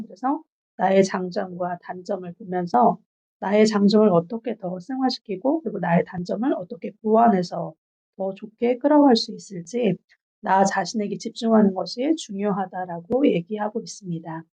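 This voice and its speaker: A woman in her forties giving a measured, reflective book review from her notes, pausing often on filler sounds. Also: medium pitch, mellow, breathy edge. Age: 40s. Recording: dull lo-fi recording.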